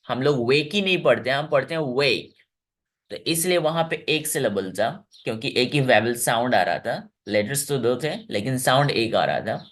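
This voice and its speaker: Lively encouraging male English teacher. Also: mid-range voice. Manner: encouraging, drawn-out word demonstrations. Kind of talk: online class lesson.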